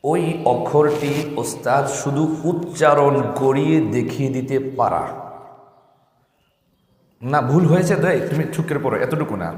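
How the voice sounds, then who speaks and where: A man's voice: mid-range voice, darkish tone. Guy teaching a tajweed class, quizzes the room, voice bouncing round a big echoey hall. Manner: explains with questions to the class and demonstrative corrections. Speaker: Quran recitation teacher. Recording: echoey hall with long reverb.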